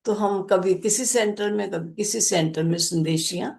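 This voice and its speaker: An older woman, a spiritual teacher, gently recounting a personal experience in a spiritual discourse. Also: medium pitch, moderate pace, gravelly.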